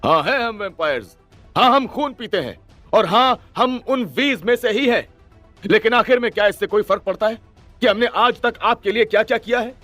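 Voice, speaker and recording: A man voicing a furious young male leader who shouts bitterly in his people's defense. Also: high voice, animated, moderate pace, dry recording, soft background music, voice pushed up.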